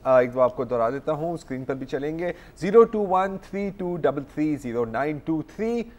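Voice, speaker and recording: A man hosting a TV talk show in a studio, chatty, relaxed and joking with callers. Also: a little high, moderate pace. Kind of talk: casual studio chat.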